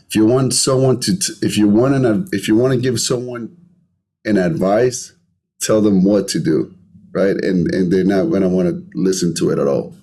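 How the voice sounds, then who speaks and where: As a guest on a podcast, a Colombian-accented businessman in middle age talks earnestly, repeating words as he hunts for the right phrasing. He has a low, slightly mellow voice.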